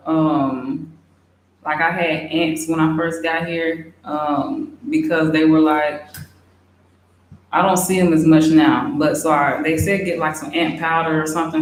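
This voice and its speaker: A young woman chatting casually, reading out and answering viewer questions in a relaxed way with many fillers. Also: sits low. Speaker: expat vlogger. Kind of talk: casual livestream Q&A. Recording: very echoey room, faint hiss.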